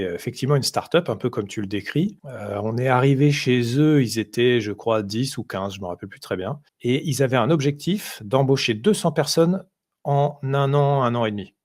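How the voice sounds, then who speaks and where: A man's voice: mid-range voice, darkish tone. A man co-hosting a business podcast, talking directly and steering the conversation. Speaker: podcast co-host, business software consultant. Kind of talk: casual business podcast discussion.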